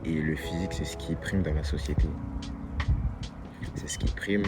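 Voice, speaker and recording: A man's voice: a bass voice, fairly even intonation, normal speed. A twenty-year-old man giving a casual motivational monologue as a vlogger, earnest and repeating his key phrases. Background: loud music.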